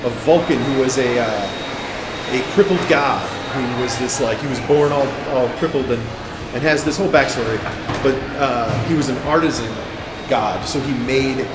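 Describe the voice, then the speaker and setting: A man's voice: medium pitch, moderate pace, heavy background noise. A man in his forties, a guest artist, talking about his work in a rambling, hesitant way full of fillers, recorded in a restaurant. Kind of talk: casual conversation. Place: restaurant dining room with brick walls. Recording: echoey room with loud music behind.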